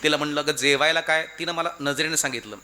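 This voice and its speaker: A man's voice: a little high, fast talker. A man with a Marathi accent preaching a devotional kirtan, calling out questions to the audience and telling stories. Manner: animated, calls out questions to the audience. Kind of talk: devotional kirtan sermon with sung verses.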